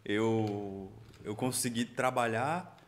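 A man's voice: fairly low pitch, takes it slowly. A Brazilian man with a Brazilian Portuguese accent, a podcast host chatting casually, hesitant and full of laughing interjections. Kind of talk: casual chat.

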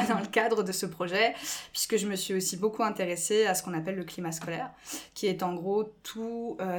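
A woman in her twenties from France, a podcast guest who talks in a lively way with many fillers and gestures a lot. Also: lowish voice. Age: 20s. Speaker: guest, school staff member. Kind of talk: casual podcast interview.

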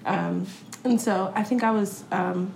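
A woman's voice: mid-range voice, fairly even intonation, measured pace, vocal fry, darkish tone, a little hiss or hum. A young woman from Brooklyn, a podcast guest speaking in a friendly, chatty way. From Brooklyn, New York. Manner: friendly, chatty, laughs easily. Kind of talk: podcast interview.

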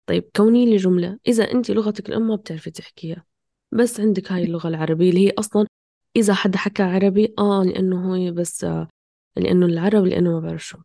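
A woman's voice: fairly low pitch, steady tone, racing, vocal fry, mellow, no echo, studio quality. A woman talking casually and passionately, questioning herself in fragmented bursts. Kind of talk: casual, impassioned conversation.

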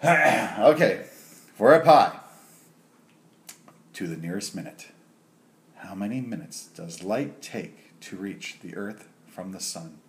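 A man's voice: deep voice, lively intonation, a little slow. A man co-hosting a casual trivia board game, joking and laughing often. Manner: jokey, laughs often, slips into put-on accents.

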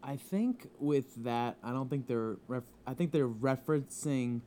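A young man in casual podcast chat, excitable and quick to swear and laugh. His voice sits at an ordinary middle pitch. A faint hiss of background noise runs under him. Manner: profane, excitable, laughs often. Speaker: podcast panelist.

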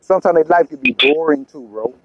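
A man with a somewhat high-pitched voice talks casually and bluntly. He uses profane street slang and circles back over his own phrases. The recording is slightly dull and lo-fi. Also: quick pace. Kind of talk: casual conversation.

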